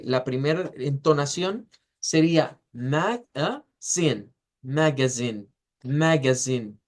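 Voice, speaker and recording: A man teaching an English pronunciation class, explaining step by step and slowing down to model words syllable by syllable. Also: fairly high pitch. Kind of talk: online class lecture.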